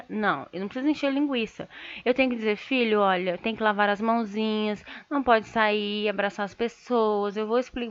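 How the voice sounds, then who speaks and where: A Brazilian woman with a Brazilian Portuguese accent teaching a writing lesson, explaining step by step and checking in with quick tag questions. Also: fairly high pitch. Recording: dull lo-fi sound.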